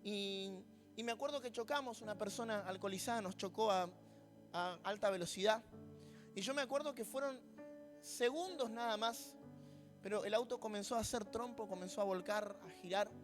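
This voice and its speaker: A man's voice: sits high, normal speed, soft background music. A man preaching a sermon with a Rioplatense accent, mixing a personal story with humorous asides and acting out voices. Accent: Rioplatense Spanish. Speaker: pastor.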